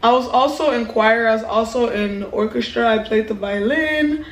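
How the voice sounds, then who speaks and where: A young woman from a Nigerian family telling a storytime vlog in a lively, animated way, acting out quotes with exclamations. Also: a little high, moderate pace. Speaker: vlogger. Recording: roomy echo.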